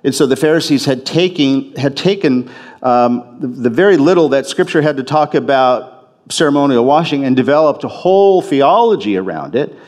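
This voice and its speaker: A man's voice: medium pitch, lively intonation, normal speed, a little mellow. A man preaching a sermon as a pastor in a church, talking conversationally, often restarting and repeating phrases for emphasis.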